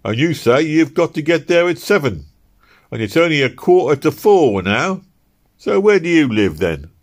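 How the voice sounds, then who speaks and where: A man voicing a brusque, suspicious night constable who questions a stranger, raised well above his own reading pitch and louder. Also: sing-song, moderate pace. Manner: brusque, interrogating. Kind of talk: audiobook character voice.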